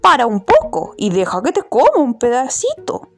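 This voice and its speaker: A woman voicing a hungry rooster in a children's story, demanding a bite in slow, loud lines. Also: high voice, wildly swooping pitch, soft background music, heavily acted. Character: handsome hungry rooster, bold.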